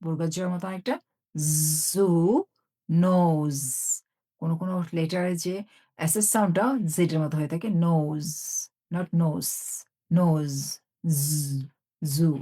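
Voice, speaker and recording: A woman's voice: fairly low pitch, steady tone, mellow. Woman teacher drilling phonics sounds. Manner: drills sounds by repeating them slowly, explaining in Bengali. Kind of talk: phonics lesson.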